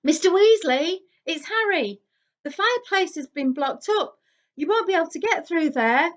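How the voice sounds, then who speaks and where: Brief: anxious young boy wizard, earnest and urgent, high-pitched, read by a woman. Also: lively intonation, slow, a bit bright, lo-fi sound, heavily acted.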